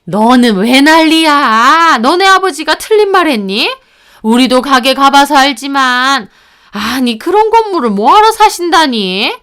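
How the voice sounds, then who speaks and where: Scornful mother-in-law, voiced by a woman, higher pitch, condescending scolding, storybook reading. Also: big pitch swings, unhurried, fairly bright tone, full character voice. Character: scornful older mother-in-law, sharp-tongued.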